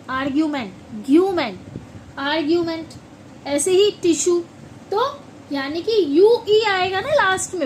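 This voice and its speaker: A woman teaching English pronunciation in a classroom style, repeating words slowly and asking questions back. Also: very high-pitched, slight background noise, low-quality recording.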